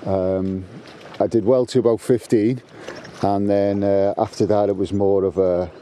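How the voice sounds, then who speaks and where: With birdsong around him, a guest contributor rambles through a casual walk-and-talk while taking his dog along a canal towpath, full of restarts and fillers. His fairly low, warm voice has a flat delivery and measured pace, over a little hiss or hum.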